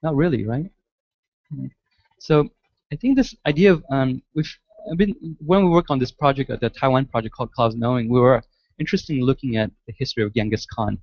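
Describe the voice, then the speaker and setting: A man's voice: mid-range voice, fairly quick, dry recording, highs cut off. A man from Malaysia who grew up in the United States, answering audience questions at a lecture in a hesitant way with many restarts. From Malaysia, raised in the United States. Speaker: guest architect lecturer. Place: large lecture hall.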